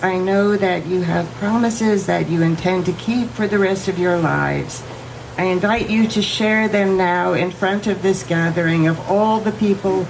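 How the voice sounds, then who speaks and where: A woman officiant speaking in measured, solemn, deliberate phrases, as in a ceremonial address or poetry reading, recorded live. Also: lowish voice, gravelly, low-quality recording. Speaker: wedding officiant. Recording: live ceremony with background noise.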